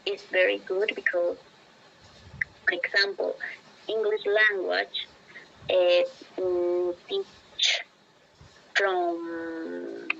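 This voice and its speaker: Halting woman, gravelly. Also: on the low side, big pitch swings, a bit bright, slight background noise. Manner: hesitant, searching for words with many fillers. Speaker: English learner. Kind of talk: halting conversation practice. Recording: dull lo-fi audio.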